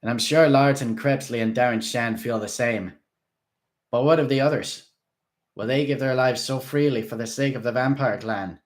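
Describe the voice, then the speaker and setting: A man playing a measured, commanding guard. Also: mid-range voice, pitched above the performer's own voice, lightly acted. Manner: measured, formal, authoritative.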